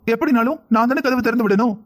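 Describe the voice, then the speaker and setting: Man doing a young cartoon wife, southern Tamil accent, pleading, scolding, very fast. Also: extremely high pitch. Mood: reproachful. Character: anxious young wife, worried and reproachful. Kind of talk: cartoon voice acting.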